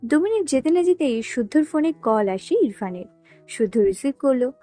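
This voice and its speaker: A woman's voice: high-pitched, very animated, moderate pace, dark tone. A woman narrating a romance novel aloud and voicing the dialogue herself. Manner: reads all characters' dialogue with only slight voice changes. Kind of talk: storytelling reading of a romance novel. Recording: dry close voice with faint background music.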